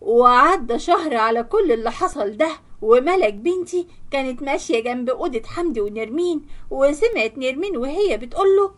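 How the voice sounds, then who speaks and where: A woman with an Egyptian accent narrating a first-person family story in a lively, dramatic manner. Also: sits high, fairly quick.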